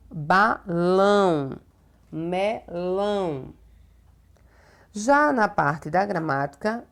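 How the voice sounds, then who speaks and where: Brazilian woman, schoolteacher, slightly low voice, patient didactic delivery for young kids. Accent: Brazilian Portuguese. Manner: slow, patient and didactic, stretching words out; uses many diminutives and checking tags. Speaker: primary school teacher. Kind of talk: recorded homework lesson for young children.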